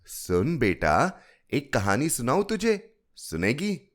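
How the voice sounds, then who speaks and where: A man voicing a fond fifty-year-old woman who coaxes a child with a story in a gentle, lilting way. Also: medium pitch, huge pitch swings, slow, voice pushed up. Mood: coaxing. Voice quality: coaxing, storytelling lilt.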